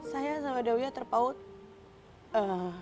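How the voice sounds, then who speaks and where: A woman's voice: a little high, music in the background. Earnest woman, talk show guest. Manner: earnest, emotional, halting. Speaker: guest, sister of the accused.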